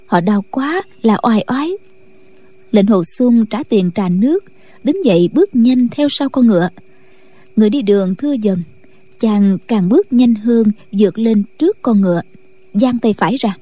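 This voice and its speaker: A woman narrating a martial-arts novel in a steady, scripted late-night storytelling style. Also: medium pitch, normal speed. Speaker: audiobook narrator.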